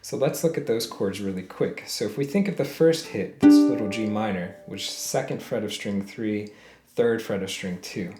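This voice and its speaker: A man's voice: on the low side, moderate pace, loud music behind the voice. A man teaching a ukulele lesson step by step, patiently calling out frets and counting beats aloud. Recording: roomy sound with loud ukulele playing.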